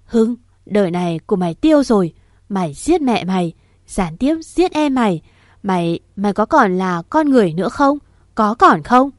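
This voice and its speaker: A woman storyteller voicing a grieving male gang boss who shouts in anguish through sobs, in a dry recording. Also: medium pitch, animated, slow, few pauses, no echo.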